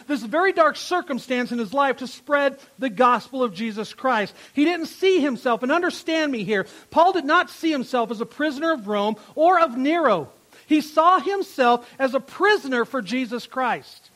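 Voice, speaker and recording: A man preaching a sermon in a strikingly high voice. He is emphatic and repeats his phrases, swelling loud and then falling quiet. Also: animated, moderate pace. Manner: emphatic, repeats phrases, rises and drops in volume. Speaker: pastor.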